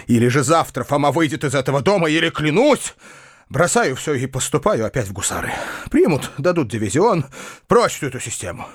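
A man voicing an excitable middle-aged landowner uncle, a former hussar, soft-hearted and prone to declaiming and shouting. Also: a little high, brisk, slightly rough, dry recording, clean studio sound, voice pushed up. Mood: agitated. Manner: agitated, declamatory, rising to shouts. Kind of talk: audiobook character reading.

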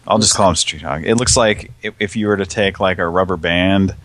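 Casting: low-voiced male host, loose rambling chat with swearing, dry close sound. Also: a little fast, a bit bright, no echo. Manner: rambling, lots of fillers and swearing. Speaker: podcast host. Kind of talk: casual chat.

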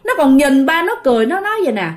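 A woman's voice: sits high, sing-song, rapid-fire. A woman telling a ghost story in a chatty way, talking straight to her listeners. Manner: chatty, addresses listeners directly.

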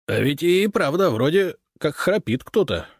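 A man voicing a loud, eager, burly city policeman in a storybook reading. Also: very animated, normal speed, no room sound, studio quality. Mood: eager, booming. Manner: booming and eager.

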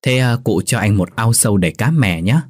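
A man's voice: on the low side, lively intonation, brisk, breathy edge, no room sound, studio quality. A man voicing a greedy, crafty old village landlord in a folk storybook tale, coaxing and blustering.

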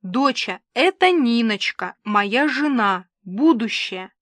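A brash, loud-mouthed father barks out teasing jabs in an audiobook, as a woman reader voices him. His lines come slow and fairly high. The sound is close and dry. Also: animated, dry recording, full character voice. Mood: exasperated. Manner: barking, teasing exclamations. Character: blustering middle-aged father, loud and brash. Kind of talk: audiobook dialogue reading.

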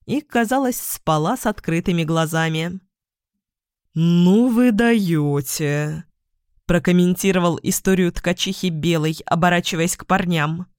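A woman's voice: on the low side, no room sound, clean studio sound. A woman narrating a fantasy novel as an audiobook reader.

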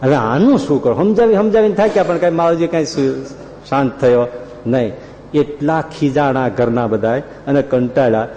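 A man preaching a storytelling sermon, lively and animated, rising to loud peaks. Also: medium pitch, moderate pace, slight background noise. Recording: reverberant hall, dull lo-fi sound.

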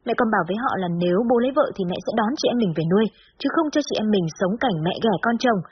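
A woman's voice: medium pitch, rapid-fire, lo-fi sound, a little hiss or hum, close to an everyday voice. A woman voicing a young girl, a worried little sister, explaining earnestly in a storybook reading.

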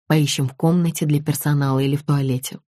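A woman voicing a calm, resourceful former police constable in an audiobook, speaking in a steady, matter-of-fact way. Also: low voice, quick pace, no echo, clean studio sound, natural voice.

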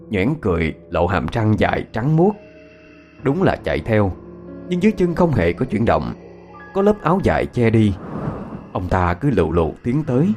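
A man's voice: fairly low pitch, a little mellow. A man narrating a scripted ghost story in a dramatic, suspenseful way.

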